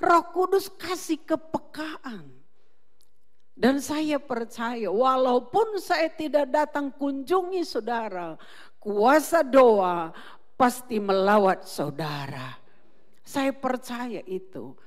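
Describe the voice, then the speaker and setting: A woman preaching a sermon and giving an impassioned personal testimony that builds to shouting. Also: fairly high pitch, big pitch swings, slow, in a large hall. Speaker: pastor's wife, preacher. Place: church hall.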